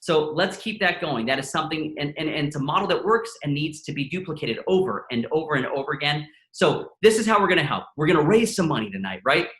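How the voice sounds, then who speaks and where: Male host with a bright, higher voice, excitable and self-mocking, in an echoey room. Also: fast talker, few pauses. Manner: self-deprecating, joking, excitable. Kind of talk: live comedic hosting.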